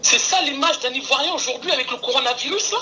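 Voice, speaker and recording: A woman speaks on a call into a live stream, her voice bright and sharp-edged. She talks earnestly and keeps pleading for calm. A faint hiss sits under her voice. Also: sits high, quick pace, poor audio. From France. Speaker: caller.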